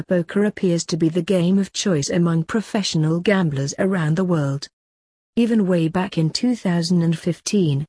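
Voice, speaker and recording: A woman narrates a written article in a formal manner, sticking closely to the script. Her voice sits a little low, with a dark, soft tone and a husky edge. The recording is dry and close, with no room sound. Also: dry recording. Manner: formal, reading verbatim.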